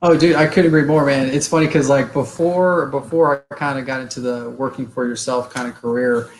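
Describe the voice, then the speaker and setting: A man's voice: mid-range voice, steady tone, fairly quick, a little hiss or hum, poor audio. A man around forty hosting a podcast in casual chat, loose and chatty, swearing freely and tagging his points with "right?". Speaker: podcast host.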